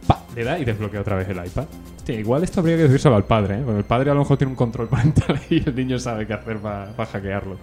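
Guy in his 20s telling a funny story on a podcast, acts out what people said, soft music behind. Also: medium pitch, quick pace. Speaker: podcast co-host. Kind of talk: casual chat.

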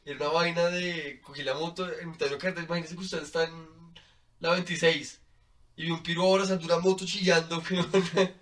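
A Colombian man, a podcast guest, telling a travel story in an animated, casual way, laughing often and filling with "como". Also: on the high side, fast talker, recorded from a distance.

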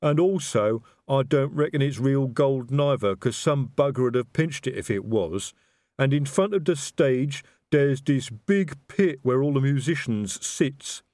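A man voicing a big, slow-witted male troll who explains things earnestly in plodding, ungrammatical speech. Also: mid-range voice, a little mellow, dry recording, pitched above the performer's own voice, close to an everyday voice.

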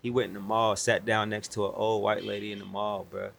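A man's voice: lowish voice, flat delivery, brisk, vocal fry, fairly bright tone, a little hiss or hum. A young American man chatting casually in slangy, profane, emphatic street talk. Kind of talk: casual chat.

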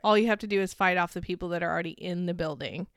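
A woman's voice: lowish voice, racing, no room sound, clean studio sound. A woman telling stories in a casual podcast interview, rambling a little and laughing often. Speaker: podcast guest and co-host.

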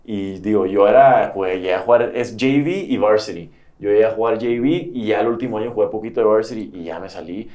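A young man from Mexico with a northern Mexican accent, chatting casually as a podcast guest, relaxed and laughing easily. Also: lowish voice, fast, hardly any pauses. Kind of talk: casual chat.

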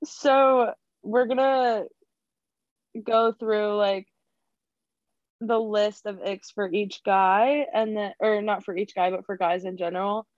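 A woman's voice: mid-range voice, fairly even intonation, no echo. A young woman co-hosts a laid-back podcast chat, laughing often and stretching out her phrases. Her voice sits in a middle range. The recording is dry and a bit dull, with a lo-fi edge. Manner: giggly, chatty, drawn-out phrasing. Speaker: podcast co-host. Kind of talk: casual chat.

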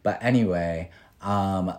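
A young man co-hosts a podcast in casual chat, telling rambling stories packed with "like" and "um." His voice is low-pitched, slow and a little mellow.

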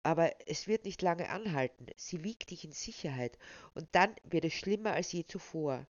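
A woman's voice: fairly low pitch, expressive, normal speed, no room sound, close to an everyday voice. A woman reading aloud, voicing a crowd of menacing village voices that press their warnings insistently. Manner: insistent, rising, hissing warnings. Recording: slightly dull, dry sound.

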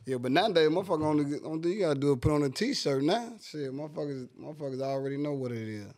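A man's voice: fairly high pitch, very fast, darkish tone. A man from Chicago co-hosting a podcast, stammering and repeating his questions in casual chat.

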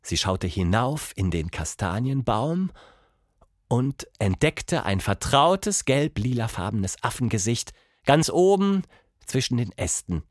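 A man narrating a children's story with an expressive reading manner. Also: mid-range voice, takes it slowly, no echo, clean studio sound.

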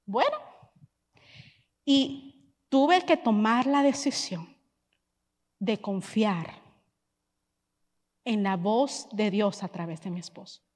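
Animated woman preaching in a hall. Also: medium pitch, slow, long pauses. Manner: animated storytelling, mixing in English phrases. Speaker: pastor's wife and preacher. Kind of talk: sermon storytelling.

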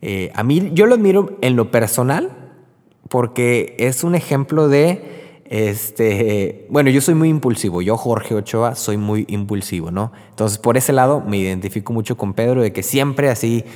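A man with a Mexican accent at an ordinary middle pitch gives a relaxed, chatty Bible reflection. He tells the story with lively asides and frequent fillers. His voice carries a long reverb tail, as if recorded in a large hall. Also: unhurried.

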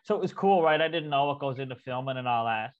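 A man's voice: medium pitch, quick pace, clean tone, phone-quality sound. A man with a Cape Breton accent chatting casually, telling stories in a blunt, profane, rambling way. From Cape Breton, Nova Scotia, Canada. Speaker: comedian guest. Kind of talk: casual chat.

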